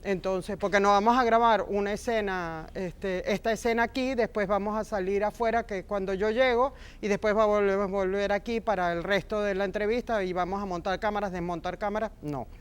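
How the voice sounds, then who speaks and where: This interview features a middle-aged Argentine woman who grew up in Venezuela and supervises scripts for film. Her mid-range voice is steady, clean and brisk, with hardly a pause. She talks warmly and passionately, repeating herself for emphasis.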